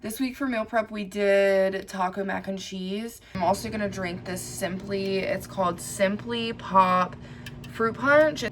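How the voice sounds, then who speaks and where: A woman's voice: mid-range voice, measured pace, over loud music. A young woman talking candidly to camera in a casual vlog, chatty and full of likes. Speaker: vlogger.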